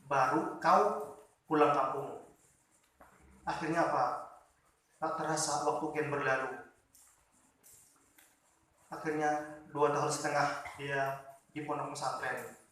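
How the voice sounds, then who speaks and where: Man preaching in an echoey hall. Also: a little high. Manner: animated, repetitive, emotive storytelling. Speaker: Islamic boarding school teacher. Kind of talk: storytelling sermon to students. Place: boarding school hall. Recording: echoey hall, distant mic.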